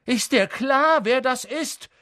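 A man voicing a noble young male centaur who speaks in a measured, grave and earnest way in an audiobook. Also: extremely high pitch, sharp tone, dry recording, clean studio sound, pitched above the performer's own voice, full character voice. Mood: urgent. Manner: measured and grave, slow emphatic words. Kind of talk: audiobook character voice.

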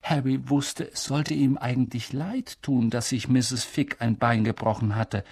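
A man reading a children's novel aloud in measured, expressive storytelling. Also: medium pitch. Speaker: audiobook reader. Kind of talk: scripted storybook narration.

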